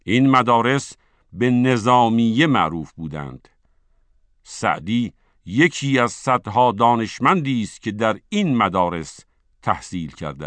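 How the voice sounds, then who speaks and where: A man giving scripted narration, reading in a measured, formal way, letting each phrase fall at its end. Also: lowish voice, a bit bright, no room sound.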